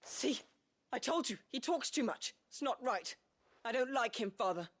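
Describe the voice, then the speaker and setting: A woman's voice: on the high side, expressive, normal speed. A woman voicing a spoiled, petulant young noble boy in a video game, whiny and bratty in manner. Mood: sulky.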